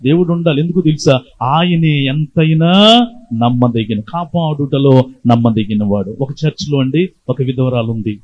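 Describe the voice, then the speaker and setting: A man's voice: medium pitch, moderate pace. A male pastor preaching a sermon, telling a story and calling on the congregation to respond. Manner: call-and-response, urging the congregation to answer. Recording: slightly dull lo-fi recording.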